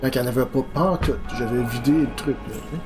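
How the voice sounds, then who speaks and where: Man, Quebec French accent, mid-pitched voice, casual game streamer, informal and rambling, music clearly behind. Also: quick pace. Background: video game music.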